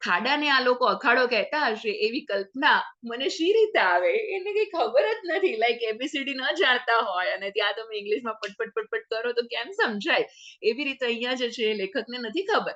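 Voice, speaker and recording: A woman teacher reading a story aloud and explaining each phrase in simpler words, briefly acting out the characters' lines. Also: a little fast. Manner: lively, acts out the characters' lines with sudden pitch jumps. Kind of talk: explaining a textbook lesson. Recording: dull lo-fi sound.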